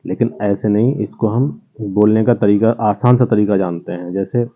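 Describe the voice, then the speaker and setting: A male teacher giving an online lesson to children, slowly and patiently sounding out each letter. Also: fairly low pitch, fairly even intonation, dark tone. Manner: slow, patient, spells out sounds one by one. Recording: tinny phone-like sound.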